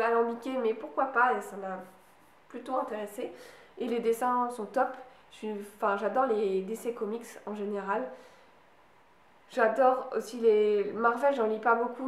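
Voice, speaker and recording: A woman's voice: medium pitch, roomy sound. A woman vlogging casually about books she bought, hesitating often with fillers and restarts. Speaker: book vlogger. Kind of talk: casual book haul chat.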